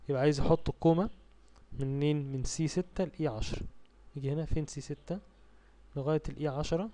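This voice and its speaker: A man with an Egyptian Arabic accent teaching a spreadsheet tutorial over a screen recording, reading English task steps slowly and asking himself questions as he clicks through. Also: on the high side, warm tone. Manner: asks and answers his own questions while clicking through steps; reads English task text slowly, then explains. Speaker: software tutor.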